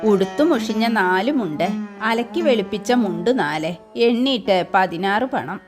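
A woman's voice: medium pitch, animated, moderate pace, soft background music, close to an everyday voice. A woman reading the part of an older matriarch of a noble household who speaks firmly but kindly. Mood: reassuring. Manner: commanding, reassuring.

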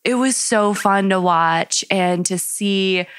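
A woman's voice: medium pitch, slow pace, clean tone, dry recording. Upbeat woman running coach, dry close sound. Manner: upbeat, enthusiastic, says "like" often. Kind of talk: casual interview chat.

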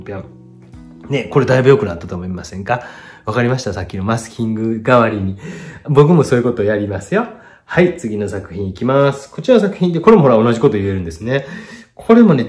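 Middle-aged Kansai man, mid-pitched, chatty painter giving frank art critiques, faint guitar music behind. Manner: chatty, lively swings in pitch and loudness, self-deprecating asides. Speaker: painter critiquing viewers' artworks.

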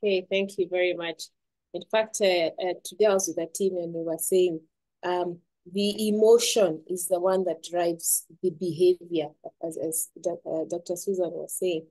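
A woman hosts an online webinar, her voice warm and mellow. She speaks steadily but leans on ums and repeats her words as she goes. The sound comes through a computer mic on a video call. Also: fairly low pitch, fairly even intonation, normal speed, poor audio. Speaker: webinar host.

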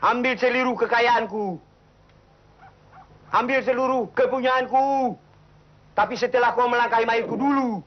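Defiant town elder: very high, emphatic voice, comedy Western, muffled and noisy old soundtrack. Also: male voice, fairly even intonation, normal speed, pauses often. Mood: indignant, defiant. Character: principled, indignant, defiant male town elder. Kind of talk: 1970s comedy Western film acting.

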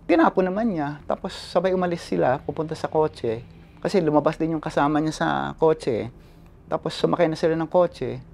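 Gravelly man recounting an ordeal. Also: a little high, a little fast, slight background noise. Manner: animated retelling, code-switching, frequent "no?" tags. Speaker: photojournalist. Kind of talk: interview, personal account.

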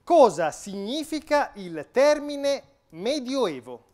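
A man's voice: very high voice, big pitch swings, takes it slowly, a little mellow. A man hosting a live quiz show on a stage. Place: stage in a hall with seated audience.

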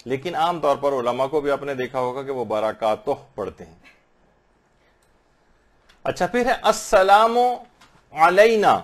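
A man teaching a lesson on correct prayer recitation, slowly sounding out Arabic phrases to show how each letter should be pronounced. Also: medium pitch. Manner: slow, drawn-out recitation of Arabic phrases to demonstrate pronunciation. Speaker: religious teacher.

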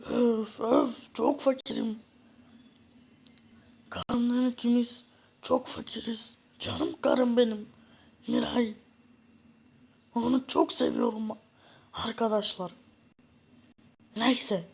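Voiced by a woman in an exaggerated, husky, fairly high and darkish voice, a gloomy poor man complains slowly about his lot with sighs and moans. The tone stays level as he draws his words out in a whining drone.

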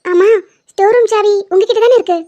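Woman voicing a very high, cheeky young woman. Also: brisk, warm tone. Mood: gentle. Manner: cheeky, playfully defiant. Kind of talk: animated series voice acting. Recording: dull lo-fi sound.

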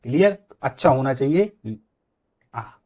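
A man's voice: medium pitch, expressive, a little slow, dark tone. Emphatic male exam-coaching lecturer. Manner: explains with examples and checks in with "clear?". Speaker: teacher.

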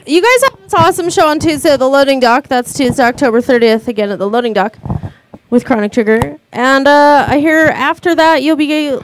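Woman co-host, high-pitched, chatty and upbeat, faint hiss behind. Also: fairly quick. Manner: upbeat, chatty, swears casually. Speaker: co-host of a live concert show. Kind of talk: casual banter and host announcements.

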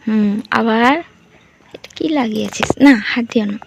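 A grandmother filming a home vlog, gently coaxing a child with sing-song questions. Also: a little high, steady tone, normal speed, gravelly, noisy background. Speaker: grandmother caring for a special child.

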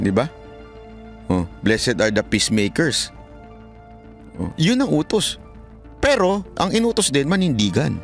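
A man delivers a fired-up commentary vlog in a mid-pitched voice, lecturing and pleading with his audience like a preacher. He drops scripture lines in English as he goes. Soft music sits low in the background. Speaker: vlogger giving commentary.

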